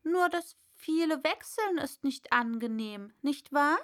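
Storybook little girl, shy and polite, voiced by a woman reader, higher than the narration. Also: expressive, slow pace, a bit bright, exaggerated voice. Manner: timid and polite, rising to plaintive.

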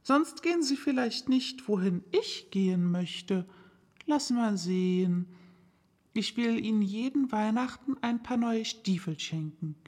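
A woman voicing Alice, a curious, dreamy young girl who chatters to herself in a lively way. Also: fairly high pitch, measured pace, big-room sound. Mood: wondering.

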